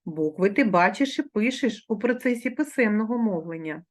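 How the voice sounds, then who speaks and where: A woman teacher with a Ukrainian accent gives a remote grammar lesson to schoolchildren, slowly and carefully pronouncing sounds and example words. Her voice is mid-range and animated.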